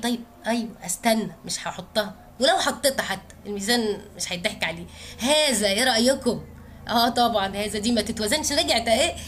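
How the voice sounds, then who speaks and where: A woman's voice: fairly high pitch, a bit bright, a little hiss or hum. A woman teacher with an Egyptian Arabic accent, giving a grammar lesson. She asks her pupils questions and praises their answers.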